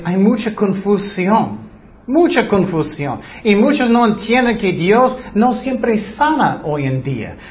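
A man preaching a Bible lesson, arguing his point with rhetorical questions and mocking quotes of what others say. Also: sits high. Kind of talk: Bible teaching. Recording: slightly dull lo-fi sound.

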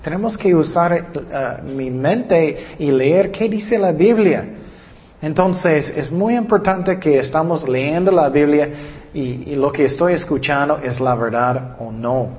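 A man preaching a sermon in an animated way, stumbling over some words and acting out the people he quotes. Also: on the high side, unhurried. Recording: echoey hall, dull lo-fi sound.

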